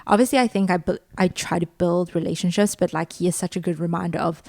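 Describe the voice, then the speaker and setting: A woman's voice: on the low side, fairly even intonation, fast talker, a little mellow, dry recording, clean studio sound. A young woman from South Africa, co-hosting a podcast and telling a personal story in a chatty way, full of "like" and "um". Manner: chatty, many fillers like "like" and "um". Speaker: podcast co-host. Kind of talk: casual conversational storytelling.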